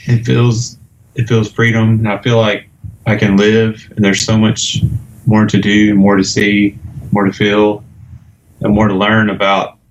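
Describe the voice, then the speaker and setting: A man's voice: on the low side, completely flat delivery, a little slow. Earnest middle-aged man, dull noisy sound. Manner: earnest, repeats phrases. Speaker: interview guest. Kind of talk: casual interview chat.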